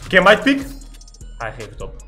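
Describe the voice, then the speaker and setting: Boastful young man, high voice. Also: wildly swooping pitch, a little fast, sharp tone, soft background music. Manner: boastful, trash-talking, repetitive taunts. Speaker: gaming YouTuber. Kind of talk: live gameplay commentary.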